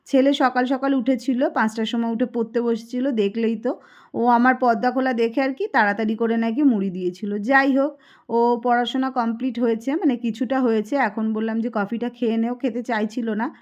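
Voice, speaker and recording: A woman's voice: on the high side, fairly even intonation, normal speed, darkish tone, lo-fi sound. A woman in her thirties from Kolkata with a Kolkata Bengali accent, chatting casually to viewers as she does chores at home. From Kolkata, India. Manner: chatty, homely, running commentary on chores. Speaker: vlogger. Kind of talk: casual home vlog narration. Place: home, indoors.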